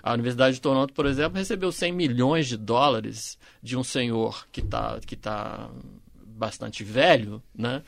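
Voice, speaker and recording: A man's voice: medium pitch, normal speed, gravelly. A man, a panel guest who often stalls and repeats words as he searches for them. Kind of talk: discussion on a panel show.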